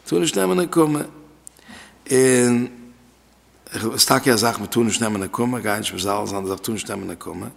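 A man's voice: lowish voice, fairly even intonation, moderate pace, creaky. A man teaching a class on religious law. He repeats key phrases and asks questions aloud. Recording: long reverb from a hall.

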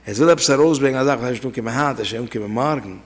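In a reverberant hall, a rabbi gives a casual lesson on religious law, talking quickly in a mid-range voice. His style is conversational, sprinkled with anecdotes for his audience.

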